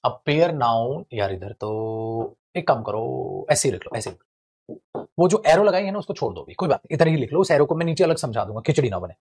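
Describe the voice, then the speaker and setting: A man teaching English grammar in a lively, joking classroom lecture, calling his students friends and brothers. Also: mid-range voice, a little fast, slightly rough.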